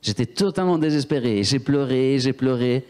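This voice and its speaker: Man, preacher, sermon, lively storyteller, talks straight to the congregation. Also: medium pitch, moderate pace. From Italy. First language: Italian. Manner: animated storyteller, acts out voices, talks to the congregation. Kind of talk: sermon with personal testimony.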